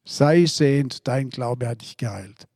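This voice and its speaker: A man in a sermon quoting Jesus in a slow, quiet, solemn voice. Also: mid-range voice, no room sound, studio quality, voice pushed down. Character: calm authoritative Jesus, grown man.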